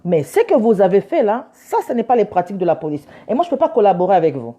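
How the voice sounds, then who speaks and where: A woman's voice: mid-range voice, big pitch swings, fast talker, mellow. A woman lawyer emphatically retelling a run-in, indignant and insistent as she acts out both sides. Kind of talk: casual storytelling. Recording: dull lo-fi recording.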